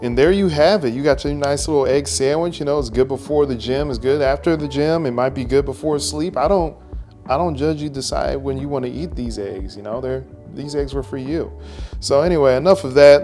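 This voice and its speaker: A man's voice: mid-range voice, a little mellow. A man hosting a casual cooking tutorial, talking the viewer through each step with playful, jokey asides. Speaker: cooking video host.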